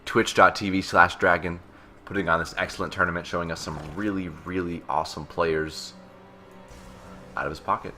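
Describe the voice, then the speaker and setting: A man's voice: low-pitched, fairly even intonation, moderate pace, over music. A man giving joking play-by-play commentary on a strategy video game match. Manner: joking, banters with co-caster. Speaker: esports caster.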